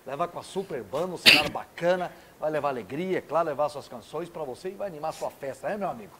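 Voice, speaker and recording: A Brazilian man hosts a TV talk show in a fast, upbeat way, teasing his guests and pushing the sponsors. His voice sits fairly high for a man, with clear hiss and noise behind it. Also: animated. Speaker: TV show host.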